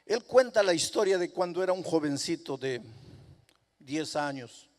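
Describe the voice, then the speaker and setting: A man preaching a sermon, telling a story dramatically and building to loud, emphatic climaxes. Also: a little high, lively intonation, normal speed. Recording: long hall reverb.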